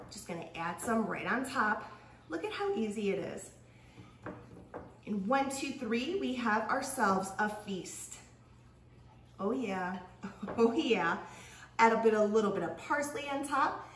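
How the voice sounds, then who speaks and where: A woman's voice: mid-range voice, a little hiss or hum. Gushing woman cooking host, echoey and distant. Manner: gushing, exclamatory, laughs often. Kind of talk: cooking demonstration to camera.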